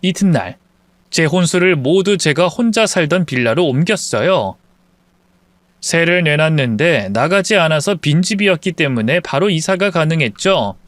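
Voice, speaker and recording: A man's voice: on the high side, lively intonation, normal speed, fairly bright tone, no room sound. A man narrating a dramatic true-life story in scripted style, speaking with cold, cutting retorts.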